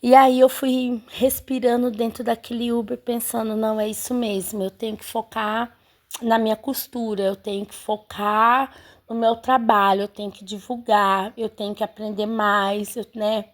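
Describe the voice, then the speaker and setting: A woman's voice: a little high, level tone, moderate pace. A woman, a home seamstress telling her viewers a personal story in a chatty way, full of fillers and asides to her audience. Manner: chatty, keeps addressing viewers, many fillers.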